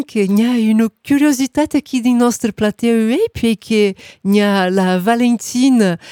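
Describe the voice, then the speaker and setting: A woman from Brazil hosting a radio interview, lively and mixing Portuguese with Occitan. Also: medium pitch, no room sound, clean studio sound. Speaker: radio host.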